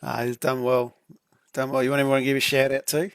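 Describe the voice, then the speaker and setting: A man casually hosting a post-race stream chat, easygoing and quick to laugh. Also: mid-range voice, monotone, clear, resonant tone, no echo. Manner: easygoing, laughs often, slang like mate. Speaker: stream commentator interviewing drivers.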